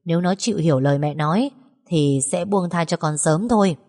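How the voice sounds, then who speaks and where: A woman's voice: fairly low pitch, brisk, dark tone, natural voice. A woman voicing a stern middle-aged mother who scolds her daughter bluntly, in an audiobook story. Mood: scolding. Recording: long reverb.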